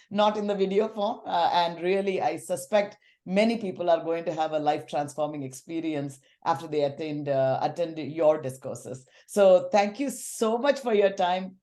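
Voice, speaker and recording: A woman's voice: fairly low pitch, warm tone. A woman hosting an interview, gracious and appreciative toward her guest. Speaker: interview host.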